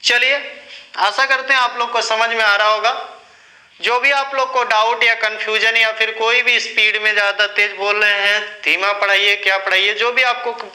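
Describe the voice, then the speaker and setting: A man's voice: sits high, level tone, normal speed, sharp tone, echoey room, rough recording. A man teaching a maths lesson, patient and asking and answering his own questions as he talks students through sums. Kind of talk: classroom lesson explaining sums.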